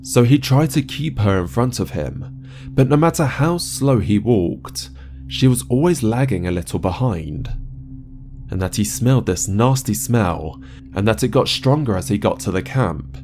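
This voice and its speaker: A man's voice: fairly low pitch, darkish tone. Man narrating a profane horror tale. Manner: profane, conversational storytelling. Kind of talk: narrating a first-person horror story. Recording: narration over music bed.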